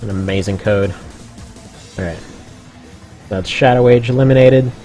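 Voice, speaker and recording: A man's voice: on the low side, moderate pace, mellow, soft background music. A man giving chatty, casual commentary on a game stream, laughing often.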